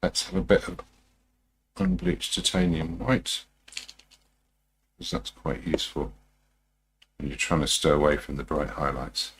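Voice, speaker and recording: A man talking through a live demonstration as a painting instructor, informal and unhurried, muttering his thoughts to himself as he works. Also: a bass voice, fairly even intonation, a bit bright, a little hiss or hum. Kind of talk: TV painting instructor style, musing aloud while demonstrating.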